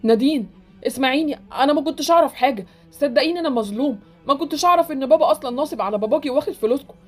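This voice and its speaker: An earnest, lovesick young man , voiced by a woman, pleads in Egyptian Arabic in a fairly high voice. His words tumble out quickly, with faint music running underneath in this Roblox drama. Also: expressive. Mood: pleading.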